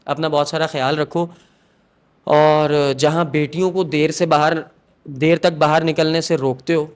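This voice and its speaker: A man's voice: a little high, fairly even intonation, clear, resonant tone. A man hosting a podcast in casual chat, earnest and emphatic, often agreeing with his guest. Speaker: podcast host.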